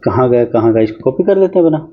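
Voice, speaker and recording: A man teaching exam-prep math, talking his way briskly through each problem in a chatty, informal way. His voice sits at a middle pitch. The recording is a little dull and lo-fi. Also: animated. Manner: brisk, chatty, talks while solving on screen.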